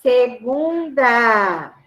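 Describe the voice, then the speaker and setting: Brazilian female schoolteacher, unhurried and patient, roomy sound. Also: on the high side, lively intonation, fairly bright tone. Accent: Brazilian Portuguese. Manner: patient, repeats and checks understanding. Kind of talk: grammar lesson to a class. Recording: roomy echo.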